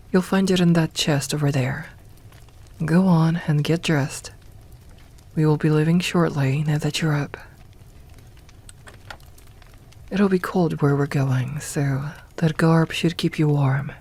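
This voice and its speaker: With a deep voice, a woman plays a doting, teasing evil lamia queen in an ASMR roleplay of intimate personal attention. She speaks softly and unhurriedly, using formal phrasing and near-whispered murmurs, and her mood is composed and commanding.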